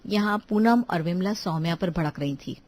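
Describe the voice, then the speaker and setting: A woman narrating a cartoon family story in an expressive storytelling manner. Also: lowish voice, moderate pace.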